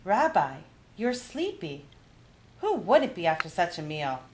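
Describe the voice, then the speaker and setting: A woman voicing a kindly, chatty old grandmother in a storybook, with animated, exclamatory delivery. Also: on the low side, a little slow. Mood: chatty, fussing.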